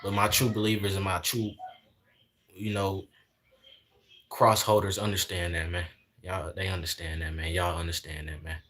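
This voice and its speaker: A man's voice: low voice, level tone, normal speed, pauses often, a bit bright. Young man preaching casually on livestream. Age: 20s. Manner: preachy, repetitive, sprinkles in "man" and "y'all". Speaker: livestream host.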